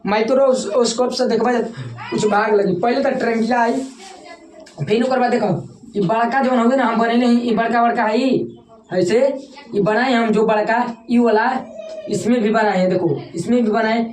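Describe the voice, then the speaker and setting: Woman teacher, Bhojpuri-tinged Hindi accent, fairly high voice, drills terms and quizzes the class, echoey room with faint noise. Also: steady tone, moderate pace, darkish tone. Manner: repeats key terms and quizzes students for answers. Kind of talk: classroom lecture.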